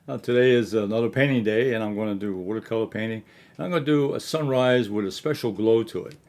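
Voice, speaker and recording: Low-voiced man teaching watercolor, halting delivery. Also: darkish tone. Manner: halting, repeats himself. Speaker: watercolor painting instructor. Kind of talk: casual painting tutorial. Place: painting studio.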